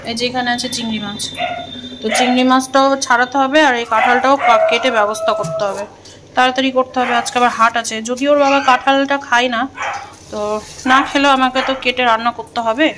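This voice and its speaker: A woman's voice: fairly high pitch, fairly even intonation, fast talker, background noise. A woman, chatting casually in a home kitchen as she cooks. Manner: chatty, homely, talks while cooking. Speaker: vlogger. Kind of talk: casual cooking vlog chat.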